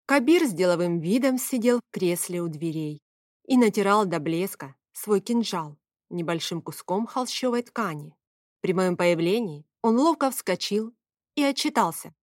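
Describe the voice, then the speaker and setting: Woman narrating a lively audiobook. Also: medium pitch, no room sound, studio quality. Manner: brisk storytelling that voices the characters. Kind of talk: first-person audiobook narration.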